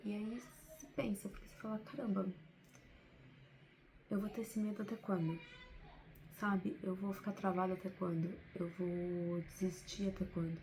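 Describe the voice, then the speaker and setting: A woman's voice: mid-range voice, mellow, a little hiss or hum, low-quality recording. A woman with a Brazilian Portuguese accent, talking to camera in an unscripted, heartfelt motivational vlog, often adding little tag questions. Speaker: vlogger.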